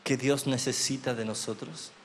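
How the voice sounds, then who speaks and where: A man preaching a sermon as pastor, swinging between loud proclamation and hushed, drawn-out phrases. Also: medium pitch, steady tone, a little hiss or hum. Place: church sanctuary. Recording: long church hall reverb.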